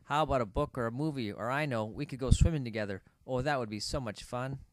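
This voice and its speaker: A man's voice: mid-range voice, fast talker, dry recording, natural voice. A man playing a gloating, silly villain in an amateur cartoon, mock-menacing and chatty. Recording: faintly noisy amateur recording with clicks.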